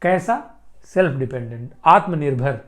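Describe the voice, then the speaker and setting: A man teaching English grammar, reading example sentences slowly, then quizzing and answering himself. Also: mid-range voice, expressive. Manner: explains by repeating himself, asking questions and answering them. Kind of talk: Hindi-language grammar lesson.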